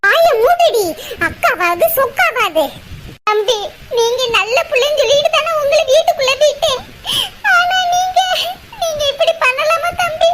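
A woman voicing a loud, melodramatic village woman in a cartoon, scolding and wailing with a Tirunelveli Tamil accent. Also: very high voice, expressive, normal speed. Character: loud, dramatic village woman Rani, older sister. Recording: loud background noise.

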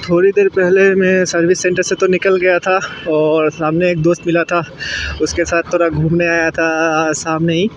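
A man's voice: on the high side, little pitch movement, moderate pace. A young man from India chatting casually while riding a motorbike through city streets, rambling with fillers. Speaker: motovlogger. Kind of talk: casual motorcycle vlog narration. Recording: muffled with loud road noise.

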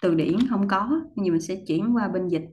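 In a pronunciation lesson, a woman patiently teaches English step by step, repeating model words and often clearing her throat. Her mid-range voice is a little mellow and moves at normal speed.

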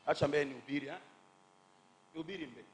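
A man preaching a fervent sermon, shouting and stretching phrases as he calls on the congregation to repeat after him. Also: fairly high pitch, quick pace, very noisy. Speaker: pastor. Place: church during a live service.

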